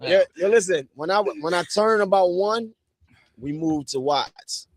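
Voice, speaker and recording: A man from Brooklyn, a guest rapper, talking in a lively way in a casual chat. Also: sits high, a little slow, no echo. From Brooklyn, New York. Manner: lively, repeats himself.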